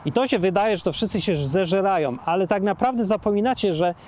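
A man's voice: sits high, fairly quick, darkish tone, slight background noise. A man talking casually outdoors among plants, indignant and rhetorical, with many hesitations and restarts. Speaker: vlogger.

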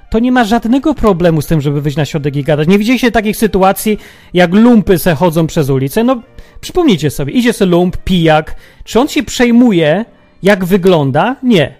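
A man with a notably high voice talks through a reflective religious monologue at his own pace. He muses aloud and keeps throwing rhetorical questions at the listener. Faint music plays in the background. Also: a little mellow. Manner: musing, many rhetorical questions. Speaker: podcast host.

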